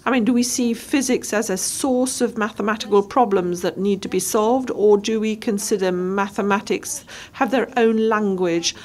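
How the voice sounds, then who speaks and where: A woman giving live interpretation of a lecture, speaking in short halting phrases and correcting herself as she goes. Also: mid-range voice, a little mellow. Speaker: simultaneous interpreter.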